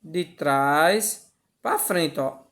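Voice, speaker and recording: A woman's voice: deep voice, lively intonation, drawn-out words, fairly bright tone. A woman teacher with a Brazilian Portuguese accent explaining a school lesson step by step, patient and repetitive, often checking that students follow.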